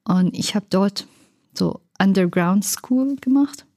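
Slow, soft-spoken woman. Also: medium pitch, no room sound, clean studio sound. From Afghanistan. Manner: halting, searching for words, many fillers. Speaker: interviewee. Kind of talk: personal life story interview.

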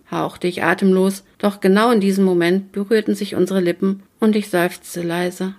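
A woman narrating a romance novel in the first person, in a steady, even storytelling manner. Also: on the low side. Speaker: audiobook narrator.

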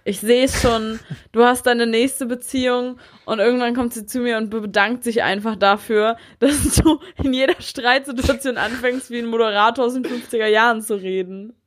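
A woman's voice: a little high, normal speed. A young adult woman chatting casually and humorously as a podcast host, telling stories in German peppered with English words. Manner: animated storytelling, mixes in English words.

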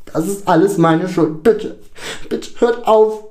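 A man voicing a panicking teenage boy who screams and pleads in a high, breaking voice. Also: slow pace, a little mellow, roomy sound. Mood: panicked pleading.

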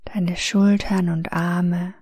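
A woman narrating a guided meditation in a soft, soothing, gentle voice with long pauses. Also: lowish voice, flat delivery, slightly rough, dry recording, clean studio sound.

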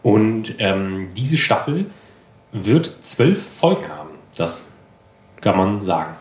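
A man's voice: on the low side, very animated, slow, a little mellow, echoey room. A man co-hosting a casual podcast chat, rambling and self-deprecating with many fillers. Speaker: podcast co-host. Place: apartment room.

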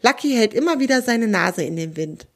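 A woman narrating a children's storybook in a gentle, clear storytelling manner. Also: a little high, lively intonation, a little fast.

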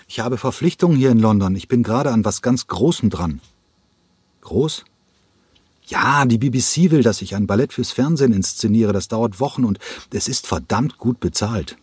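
A man's voice: medium pitch, lively intonation, moderate pace, a little mellow, slightly rough, no room sound, clean studio sound, pitched above the performer's own voice. A man reading an audiobook, voicing a cautious, reluctant male dancer on the phone. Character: hesitant male London dancer, friend on phone.

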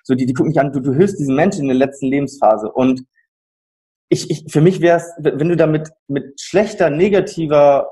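Guy with a slightly higher husky voice chatting animatedly about his care work. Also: fairly quick. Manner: animated storytelling, acts out quoted people. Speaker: palliative care service provider. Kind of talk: conversational interview.

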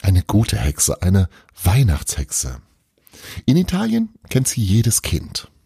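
A man's voice: fairly low pitch, huge pitch swings, takes it slowly, creaky, mellow, slightly rough, dry recording, clean studio sound, full character voice. A man voicing a witch's daughter who patiently sets others straight in a storybook reading. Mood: explaining. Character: young female witch's daughter, bossy and explaining.

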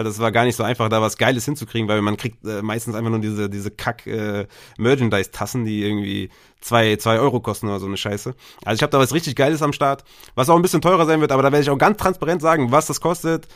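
Casual, chatty man co-hosting a podcast. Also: medium pitch. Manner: loose and colloquial, many fillers and restarts. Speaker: podcast co-host.

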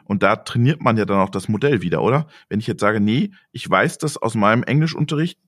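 A man's voice: on the low side, animated, fast talker, a bit bright, no room sound, clean studio sound. A man hosting the conversation, asking curious questions and affirming. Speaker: host. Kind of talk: casual interview questions.

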